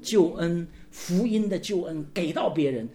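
A man's voice: sits high, unhurried, dark tone. A man preaching a sermon as pastor, calling for responses and asking his listeners rhetorical questions.

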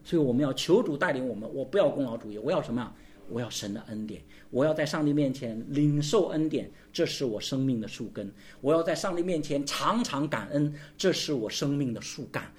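A man's voice: medium pitch, expressive, brisk. A man preaching a sermon as pastor, calling for responses and asking his listeners rhetorical questions.

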